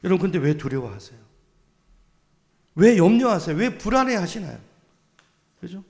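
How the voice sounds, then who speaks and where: In a church sanctuary with long hall reverb, a male pastor preaches a sermon, pressing the congregation with repeated questions and emphatic calls to faith. His voice sits high with big pitch swings, a moderate pace and a slightly mellow quality.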